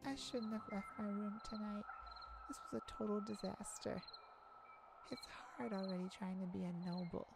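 A woman with a steady, creaky, mid-range voice plays a weary, proud and guarded young half-blood princess in a scripted roleplay audio drama, lightly acted over music. Her speech is formal, measured and wistful, with a storybook quality.

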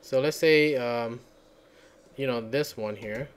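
A software tutorial host with a clean, medium-pitched voice speaks slowly in a casual screencast, rambling and thinking aloud as he hunts for words. Computer keyboard typing can be heard in the background.

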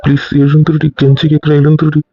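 Man, fairly high voice, monotone, quick, pleading, apologetic, dull dry recording. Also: husky, dry recording. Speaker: voice actor in an audio drama. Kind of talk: Tamil audio drama acting.

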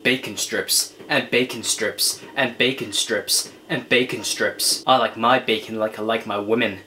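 A young man narrates a cooking vlog in a fairly low voice that's pushed and bright, keeping his intonation fairly even and his pace measured, though his manner stays playful and cheeky. He's in a small home kitchen, recorded by a home camera a short distance away that picks up clear background noise.

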